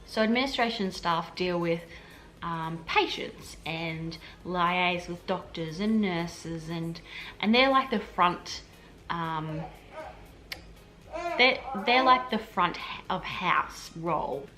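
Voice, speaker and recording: A slow, lowish voice that sounds pushed and bright belongs to an Australian woman, a health administration officer who vlogs. She rambles casually to camera with lots of fillers and restarts, and the rough recording has slight background noise.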